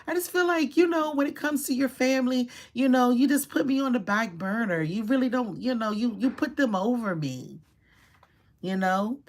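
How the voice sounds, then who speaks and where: A middle-aged woman, giving casual relationship advice to viewers in an animated, preachy way and acting out quoted scenes. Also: on the high side, normal speed.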